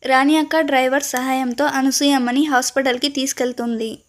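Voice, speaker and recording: A woman's voice: high voice, fairly even intonation, fairly quick. A woman with a Telugu accent narrating a family story and reading each character's lines in her own voice.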